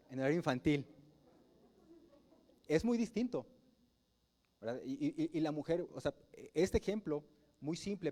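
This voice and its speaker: A pastor from Mexico speaks to his congregation in a relaxed, chatty sermon, again and again posing rhetorical questions. He has a mellow, warm voice that runs a little high for a man.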